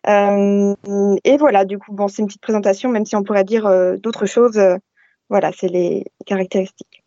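A woman's voice: mid-range voice, steady tone, moderate pace, mellow, no room sound. Young woman radio caller on a dull call line. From Brittany, France. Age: young adult. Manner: hesitant, many fillers. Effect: caller heard over an internet call line. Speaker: listener calling in to a radio show. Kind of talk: casual call-in chat. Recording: dull, dry internet call audio.

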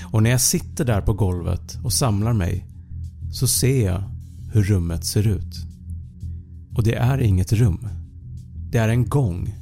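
A man narrating a first-person horror story in a measured, suspenseful way. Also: fairly low pitch, gravelly, dark tone, faint music behind. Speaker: podcast narrator.

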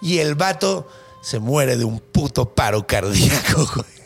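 A man's voice: medium pitch, unhurried, creaky, slightly rough, faint music behind. A young man with a Mexican accent, hosting a podcast and telling folk tales in casual, slangy, swear-heavy chat. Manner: slangy, animated, swears a lot. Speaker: podcast host. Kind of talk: casual storytelling.

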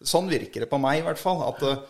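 A man's voice: a little high, animated, creaky, darkish tone. A man co-hosting a podcast, giving blunt, earthy opinions in casual chat with plenty of fillers. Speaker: podcast co-host, football fan.

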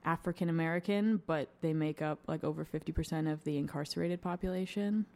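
A woman's voice: low voice, fairly quick, vocal fry, mellow. A young woman from Wisconsin talking casually and candidly, with lots of fillers and the odd swear word. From Madison, Wisconsin. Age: young adult. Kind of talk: casual chat.

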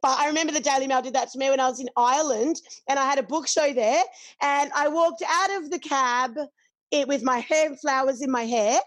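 A woman's voice: high voice, steady tone, brisk, no room sound. A middle-aged Australian woman chatting candidly, swearing freely and acting out what others said. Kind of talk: casual chat.

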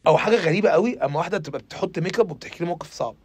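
A man's voice: fairly high pitch, very fast, darkish tone, slightly rough. A young man with an Egyptian Arabic accent, hosting a comedy podcast and riffing mockingly, slipping into impressions. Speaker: podcast host.

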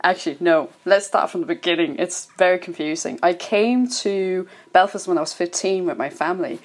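A woman's voice: fairly low pitch, brisk. A woman in her thirties from Denmark, with a Danish accent tinged with Dublin Irish, chatting as an interview guest, rambling and laughing often. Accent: Danish with some Dublin Irish. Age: 30s. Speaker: guest, illustrator. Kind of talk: casual interview chat.

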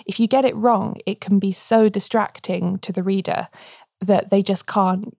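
A woman's voice: medium pitch, fairly even intonation, normal speed, vocal fry, a little mellow, no echo, clean studio sound. A woman co-hosting a podcast, talking casually and articulately in a book discussion. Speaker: podcast co-host.

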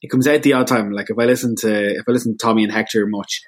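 A man's voice: lowish voice, steady tone, very fast. A man in his thirties with an Irish accent, a radio presenter chatting casually as an interview guest, rambling and self-deprecating. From Ireland.

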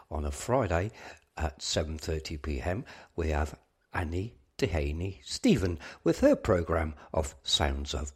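A man's voice: very deep voice, husky. A man hosting a brass band radio show, talking casually with lots of fillers and some rambling.

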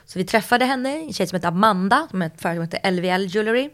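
A woman in casual chat, telling a story in a lively way and acting out quoted lines. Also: medium pitch.

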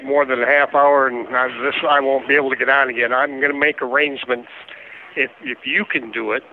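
An older man speaking on a prison phone, halting, with pauses and restarts. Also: mid-range voice, little pitch movement. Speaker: incarcerated interviewee. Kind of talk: phone interview. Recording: tinny prison phone line, faint hiss.

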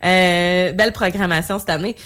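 A woman's voice: lowish voice, fairly even intonation, normal speed, fairly bright tone. A woman co-hosting a radio show, talking casually with a Québécois accent, with many fillers as she reads out listener messages. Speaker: radio co-host.

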